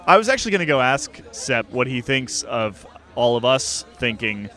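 A man with a bright, forceful voice hosts a casual podcast conversation. He talks in a relaxed, meandering way, full of fillers. He is recorded outdoors in an urban setting. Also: medium pitch, moderate pace. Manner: relaxed, chatty with filler words. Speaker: podcast host.

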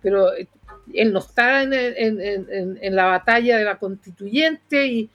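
An older woman from southern Chile with a Chilean accent, giving earnest, opinionated conversational commentary to listeners, halting and repeating words as she goes. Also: mid-range voice, a bit bright, faint music behind. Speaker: doctor and radio commentator.

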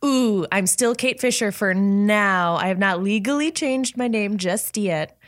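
A woman's voice: mid-range voice, unhurried, no room sound, clean studio sound. A woman co-hosting a podcast in a cheerful casual chat, laughing easily. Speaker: podcast co-host.

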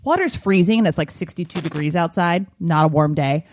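A woman's voice: lowish voice, a little fast. A woman in her thirties co-hosting a casual chat show, telling stories with acted-out quotes. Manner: animated storyteller, acts out quotes. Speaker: podcast co-host.

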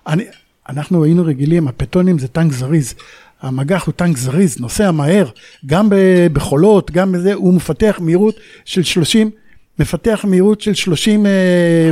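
A man in his seventies, a war veteran recounting his memories in an interview, acting out the radio calls as he goes. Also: high voice. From Israel. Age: 70s. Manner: animated storyteller who acts out radio calls.

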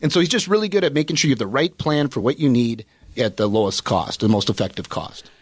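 A man's voice: medium pitch, fast, breathy edge, dry recording. A man, a financial advisor on a radio talk show, explaining retirement planning in a casual, explanatory way with many fillers.

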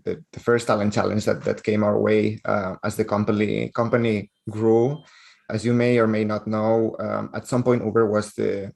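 Speaking in a gravelly, fairly low voice with a darkish tone, a man from Spain guests on a podcast interview. His Spanish-accented speech is hesitant, full of fillers and false starts.

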